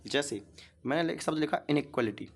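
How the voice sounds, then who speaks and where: A man's voice: a little high, expressive, brisk, creaky. Patient male teacher who quizzes and repeats. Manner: asks questions and repeats the answers; patient, explains step by step. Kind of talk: grammar lesson.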